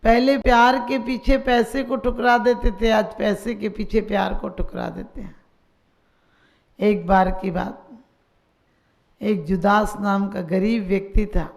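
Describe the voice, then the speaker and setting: A woman's voice: mid-range voice, gravelly, darkish tone. A woman, a Jain nun, giving a sermon full of rhetorical questions and closing blessings.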